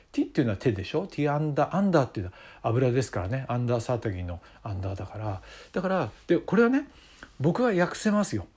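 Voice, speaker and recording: A man's voice: medium pitch, darkish tone. A middle-aged man hosting a casual solo talk show, musing in a conversational way with many fillers. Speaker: podcast host.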